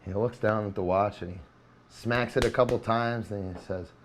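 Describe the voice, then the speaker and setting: A man's voice: on the low side, steady tone, moderate pace, slight background noise. A male musician telling a joke casually on a live stream, chuckling as he goes. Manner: loose, chuckling storyteller.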